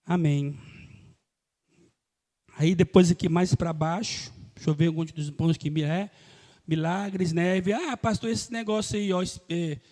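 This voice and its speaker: A man's voice: high-pitched, dark tone. A man preaching a live church sermon as pastor, emphatic and calling out to the congregation. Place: church hall. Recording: reverberant church hall.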